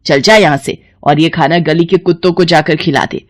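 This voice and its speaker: A woman voicing a harsh older mother-in-law who scolds slowly and loudly in a cartoon story. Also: low-pitched, fairly even intonation, no room sound, clean studio sound. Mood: scolding. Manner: slow, loud, scolding.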